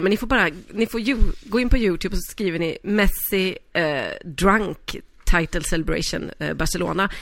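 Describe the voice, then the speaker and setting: Rambling, animated podcast co-host, dry sound. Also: mid-range voice, no echo. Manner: rambling, animated storyteller, heavy on fillers. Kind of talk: casual podcast chat.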